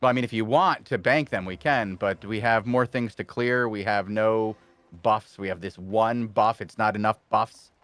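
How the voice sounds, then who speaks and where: A man's voice: on the low side, normal speed, fairly bright tone, smooth, no room sound. A man hosting a live game stream with a stuffy nose, reading chat aloud and coaching his teammates. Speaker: stream host.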